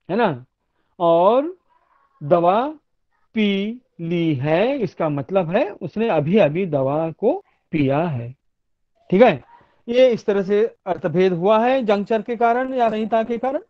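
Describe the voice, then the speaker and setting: Male lecturer teaching over a webinar, very unhurried and deliberate, muffled low-fi sound. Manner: slow, deliberate, pausing to demonstrate; often asks "okay?" to check with students. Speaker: university Hindi lecturer. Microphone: online webinar audio. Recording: dull lo-fi webinar audio.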